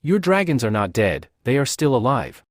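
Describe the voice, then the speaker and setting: A man voicing a mysterious unseen spirit that speaks calmly and reassuringly. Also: mid-range voice, normal speed, no room sound, studio quality, close to an everyday voice.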